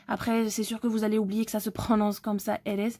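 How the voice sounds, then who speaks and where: A woman's voice: mid-range voice, level tone, quick pace, a little mellow. A woman from Algeria teaching an online language lesson, explaining step by step and often checking that viewers follow.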